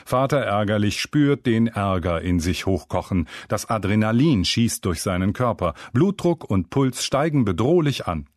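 A man's voice: lowish voice, moderate pace, hardly any pauses, dry recording. A man narrating a scripted humorous story in a wry, storytelling manner, recorded close on a studio mic. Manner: wry, storytelling with lively intonation.

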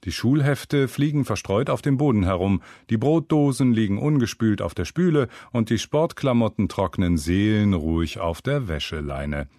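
This man, lowish in voice, narrates a scripted comic story at a moderate pace with hardly any pauses. His manner is wry and story-driven, the intonation lively, and the close studio recording has no echo.

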